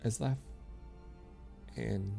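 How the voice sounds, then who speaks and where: A man with a low, gravelly voice reads game lore aloud on a stream. His tone is mellow and dark. He stumbles over the words and corrects himself as he goes. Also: steady tone, faint music behind. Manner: halting reading with stumbles and self-corrections.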